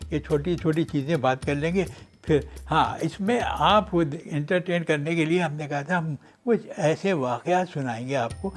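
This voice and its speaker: Joking male radio host, slightly high voice. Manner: chatty, joking, acts out quotes. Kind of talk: humorous radio storytelling.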